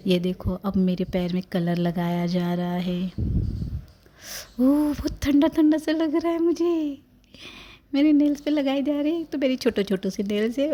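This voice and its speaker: A woman's voice: fairly high pitch, mellow. A woman voicing a cheeky newborn baby girl. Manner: playful teasing commentary. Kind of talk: voice-over narration of a family vlog.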